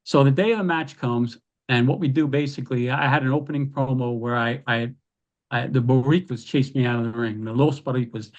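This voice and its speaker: Here a lively man, appearing on a podcast, shares wrestling anecdotes in a relaxed manner, his mid-pitched voice rising whenever he quotes someone. His pace is a little fast, and the recording's highs are cut off.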